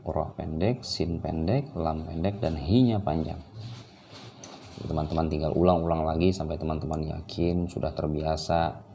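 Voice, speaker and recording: A man with a low, mellow voice teaches Quran reading at an unhurried pace. He draws out each example syllable and then explains it calmly. His explanations are broken up by hesitant fillers. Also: slight background noise. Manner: slow drawn-out recitation examples alternating with calm explanation. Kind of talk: recorded reading lesson.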